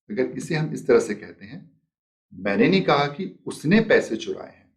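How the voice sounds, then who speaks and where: A man's voice: mid-range voice, distant mic. A man teaching a life skills lesson, explaining step by step and acting out example sentences. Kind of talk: spoken lesson with demonstrations.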